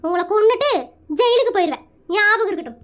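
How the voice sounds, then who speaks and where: A woman's voice: extremely high pitch, expressive, fast talker, fairly bright tone, voice pushed down. A woman voicing a strict, bossy village mother and wife in a cartoon comedy, scolding in a rural Tamil Nadu accent. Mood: stern.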